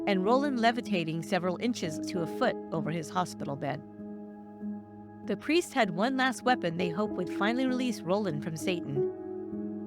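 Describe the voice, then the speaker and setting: A woman narrating a true crime story in a measured, even, scripted way. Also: mid-range voice.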